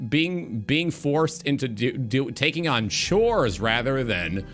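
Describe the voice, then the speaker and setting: A male talk show host delivers opinionated commentary on gaming, speaking emphatically and deliberately with ornate wording. His medium-pitched voice sounds pushed and bright.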